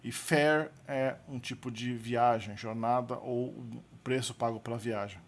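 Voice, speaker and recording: A man with a Brazilian Portuguese accent teaching a recorded lesson, explaining slowly and deliberately and repeating each example word. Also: mid-range voice, fairly even intonation. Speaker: language teacher.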